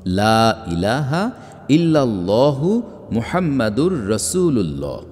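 A man reading a religious book aloud in a measured, emphatic way, with rhetorical questions. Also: medium pitch, darkish tone, slight background noise. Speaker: audiobook reader. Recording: long hall reverb.

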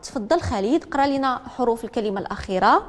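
Moroccan woman teacher, fast and brisk call-and-repeat delivery, echoey classroom. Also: a little high, lively intonation. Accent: Moroccan Arabic. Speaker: literacy teacher. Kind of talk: classroom lesson. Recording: echoey classroom with long reverb.

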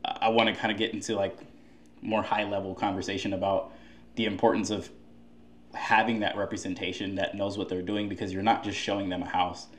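A man's voice: fairly low pitch, little pitch movement, a little fast, slight background noise. A man hosting a casual interview, conversational and a bit sarcastic, with many fillers.

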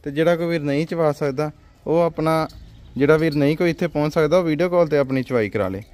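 Talking quickly in a somewhat high, mellow voice, a man presents a livestock sale video from a farmyard. His manner in this casual interview is warm and promotional, with short acknowledgments.

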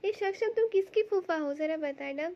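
A woman with a high, gravelly voice streams a game live, greeting viewers by name and answering their chat in a casual way. She sounds slightly hoarse from a cough. The audio is dull and lo-fi, as from a home stream. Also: normal speed, darkish tone.

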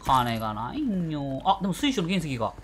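A man's voice: fairly high pitch, a little fast, slight background noise. A man with a Kansai accent doing jokey let's-play commentary on a horror game. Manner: excitable, jokey, reads game text aloud. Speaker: game streamer.

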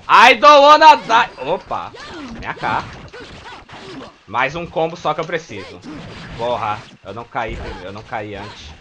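A man's voice: mid-range voice, unhurried, long pauses, a bit bright. A man with a Brazilian accent giving casual let's-play commentary over a fighting game. He often sounds frustrated, swears, and mutters "ai, ai" to himself. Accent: Brazilian Portuguese. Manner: frustrated, swears often, repeats "ai, ai" under his breath. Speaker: gameplay commentator.

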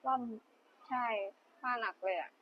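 A woman's voice: normal speed, natural voice. A young woman playing a girl whose father threw her out of the house, speaking in a subdued, hesitant way with casual slang. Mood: downcast. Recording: dull lo-fi with faint background noise.

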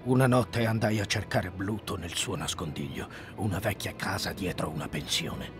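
An actor dubbing a shifty, evasive London informant in a game, with a gravelly voice. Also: male voice, deep voice. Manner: defensive, then a hushed storyteller. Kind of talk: Italian game dub.

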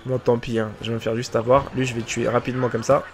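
A man giving let's play commentary on a shooter game, excitable and joking as he mocks opponents and chats with his viewers. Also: medium pitch, quick pace, music in the background. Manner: excitable, joking, teasing the enemy players; chatty with viewers. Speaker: gaming video creator.

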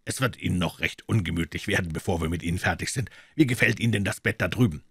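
A deep-voiced captor in a crime audiobook, as the reader plays him, speaking softly and courteously with cool menace. The voice stays low and even, recorded dry and close. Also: male voice, quick pace, breathy edge, no room sound. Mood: calm menace. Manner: quiet, courteous, coolly threatening. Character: calm polite menacing male captor.

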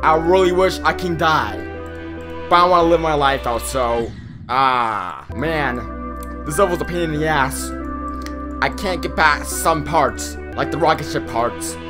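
A man recording let's-play commentary from inside a closet at night, excitable and frustrated, talking to his viewers. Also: a little high, a little slow, over music. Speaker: gamer.

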